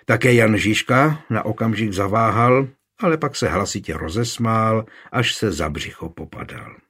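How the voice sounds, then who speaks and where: A man narrating a historical audiobook in a measured, steady way. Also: lowish voice, husky.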